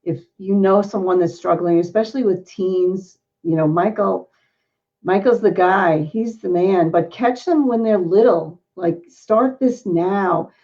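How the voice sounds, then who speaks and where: A woman's voice: lowish voice, unhurried, mellow, highs cut off. A middle-aged woman hosting an interview, effusive and emotional, with many exclamations. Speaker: host. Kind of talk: casual interview chat.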